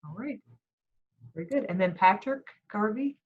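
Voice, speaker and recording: Woman teacher running roll call on a video call, brisk, kinda muffled audio. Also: mid-range voice, expressive, darkish tone. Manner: brisk, calling on students one by one. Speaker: course instructor. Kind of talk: online class roll call.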